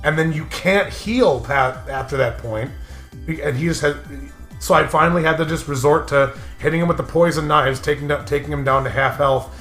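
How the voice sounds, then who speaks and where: A man with a slightly high, a bit bright voice co-hosts a gaming show's let's play at a normal speed. He chats casually, cracks jokes, pokes at his co-host and laughs often, while faint music sounds through an echoey room.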